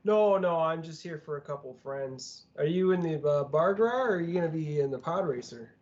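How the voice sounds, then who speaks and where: A man's voice: on the high side, lively intonation, a little fast, darkish tone. A man playing a tabletop game in character, chatty and joking. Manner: jokey, chatty, questioning. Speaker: player. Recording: dull lo-fi audio.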